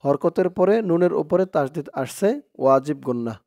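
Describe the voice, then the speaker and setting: A man teaching Quran recitation, explaining it calmly and spelling words out letter by letter, with drawn-out long vowels. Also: a little high, dry recording, studio quality. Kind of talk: spoken lesson with slow chanted recitation.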